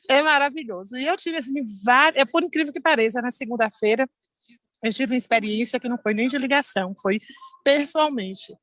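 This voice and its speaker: A woman's voice: high voice, normal speed, long pauses, dry recording. A Brazilian woman telling a heartfelt church testimony to her pastor, acting out the people she quotes. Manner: animated storytelling, voicing the people she quotes. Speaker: church member sharing a testimony. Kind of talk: emotional testimony on a call. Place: at home.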